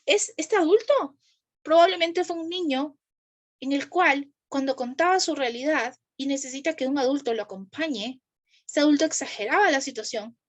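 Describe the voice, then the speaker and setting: A woman's voice: high-pitched, normal speed. A woman speaking to a live group about parenting, asking the audience questions and acting out the voices she quotes. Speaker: parenting educator.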